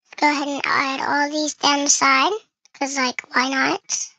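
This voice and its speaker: A gaming video creator uses a voice changer that makes the voice very bright and high, with a creaky, dry, close sound. The casual game commentary is flat and unhurried as the creator chats to viewers and thinks aloud while playing, all on a dry, lo-fi recording.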